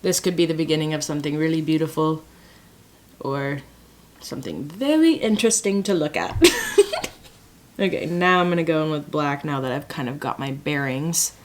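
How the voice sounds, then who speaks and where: A woman's voice: deep voice, fairly bright tone, slight background noise. A young woman talking casually while doing her makeup, chatty and dramatic, mocking herself. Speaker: beauty vlogger.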